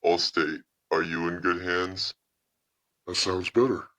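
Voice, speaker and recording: Dude on a deep voice filter, low and raspy, bright edge. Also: male voice, level tone, slow pace. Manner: joking banter. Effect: deep voice changer. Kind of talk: casual podcast chat.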